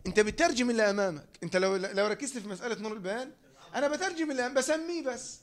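A man with an Egyptian accent gives a lecture on reading rules, and his voice sits noticeably high. He talks quickly, drilling the same phrases again and again. He keeps prompting his listeners to fill in the missing word. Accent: Egyptian Arabic. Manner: repeats key phrases and quizzes listeners with "إيه؟". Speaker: teacher.

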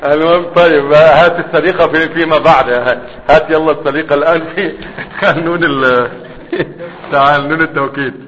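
A man teaching an Arabic grammar lesson to students, with an Egyptian accent, drilling verb forms slowly and checking in with "right?" and "huh?". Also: fairly high pitch, steady tone, fairly bright tone, big-room sound, poor audio.

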